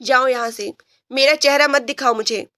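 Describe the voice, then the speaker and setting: A woman's voice: high-pitched, fairly even intonation, bright, forceful tone, no echo, studio quality. A woman voicing a harsh, domineering young male police officer who barks and sneers. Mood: harsh, commanding. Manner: barking, scornful.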